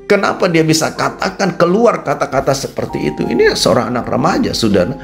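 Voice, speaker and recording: A man with an Indonesian accent preaching a radio sermon. He talks straight to his listeners and swings between low quiet asides and raised, emphatic peaks. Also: very animated, a little fast, creaky, faint music behind. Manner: addresses listeners as "Saudara" constantly. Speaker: pastor. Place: radio studio.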